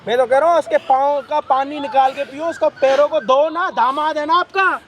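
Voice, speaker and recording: A man's voice: very high-pitched, fairly even intonation, normal speed, slight background noise. A man, hosting a staged street confrontation, bossy and taunting as he barks orders. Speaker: confronting host.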